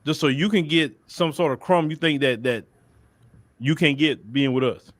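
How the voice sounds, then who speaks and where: A high-pitched commentator from Port Arthur, Texas, speaks with a Southern Texas accent at a moderate pace, with no room sound. His animated opinion monologue is emphatic and colloquial, full of repeated phrases and acted-out mock dialogue.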